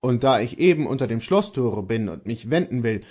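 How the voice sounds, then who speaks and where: A man reading aloud who voices a male stable servant recounting his mistreatment in a plain, lower tone. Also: lively intonation, a little fast, a little mellow, slightly rough. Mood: aggrieved.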